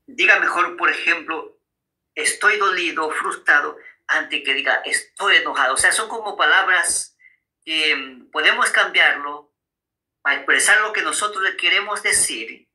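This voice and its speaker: A man's voice: on the high side, moderate pace, pushed and bright, rough recording. A man preaching a sermon on marriage, often checking in with his listeners and calling them brothers. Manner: frequent tag questions to listeners.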